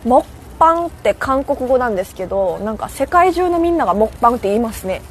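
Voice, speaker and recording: A woman's voice: on the high side, very animated, fast, a little hiss or hum. A young woman from Korea chatting casually in Japanese with a Korean accent that has a Kansai lilt, hosting a live stream on a city rooftop and answering viewers' comments. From South Korea. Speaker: livestream host.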